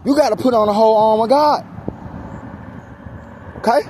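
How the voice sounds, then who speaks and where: Here a high-pitched, slightly mellow male voice moves at a moderate pace. He's an exasperated American vlogger on a street, walking while he vents and preaches in emphatic, repetitive, casual speech, captured handheld with traffic and street sounds around him.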